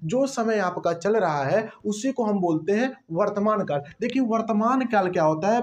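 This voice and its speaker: A man teaching an English grammar lesson to students, repeating key terms and answering his own questions. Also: high voice. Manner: addresses students directly, stretches words for emphasis. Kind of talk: classroom-style grammar lesson.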